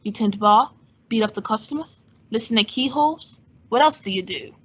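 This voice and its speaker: A woman plays a smooth, quipping male detective-adventurer for a vintage radio drama, keeping a cool, wry, teasing composure. Her slightly high voice is animated with a breathy edge, at a moderate pace. The audio is muffled and lo-fi.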